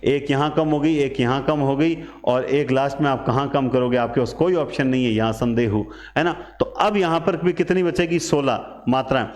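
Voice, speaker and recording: A man's voice: medium pitch, moderate pace, hardly any pauses. A man teaching a lesson, working step by step through examples and asking questions, then answering them himself. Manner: explains step by step, asks and answers own questions. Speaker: Hindi teacher. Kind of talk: classroom lecture. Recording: echoey room.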